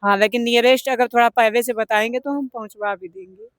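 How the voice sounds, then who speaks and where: A man's voice: extremely high pitch, fairly quick, fairly bright tone, clean tone, dry recording. A young man with a Banaras Hindi accent, answering interview questions earnestly, rambling with many fillers. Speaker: interviewed business owner.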